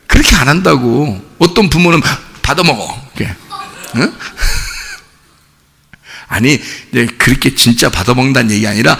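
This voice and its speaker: A male pastor delivering an impassioned sermon in a church. His voice is bright and cutting, with a gravelly edge, and he swings from loud shouted peaks to quiet asides. The sound carries a long hall reverb. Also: medium pitch. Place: church sanctuary.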